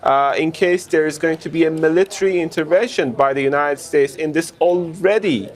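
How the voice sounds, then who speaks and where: Higher-voiced male correspondent reporting live. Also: moderate pace. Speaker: news correspondent. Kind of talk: unscripted live news report.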